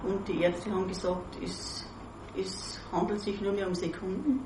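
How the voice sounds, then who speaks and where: An older woman giving an earnest church testimony in short phrases, pausing after each one for her interpreter. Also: medium pitch, far from the mic, background noise. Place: church hall. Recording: roomy hall, voice heard from off mic.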